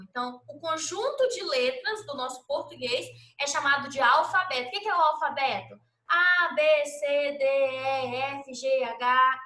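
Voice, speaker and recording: Female primary teacher from Brazil, high bright voice, patient sing-song delivery, recorded in a roomy space. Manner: patient, slow and sing-song, spelling out letters and syllables. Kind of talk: recorded remote lesson for children.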